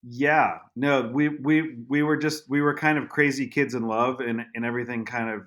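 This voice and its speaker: A man speaking as a guest on a podcast, telling a story in halting speech with many restarts. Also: medium pitch, steady tone, fairly bright tone. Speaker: guest, vineyard owner. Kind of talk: casual interview.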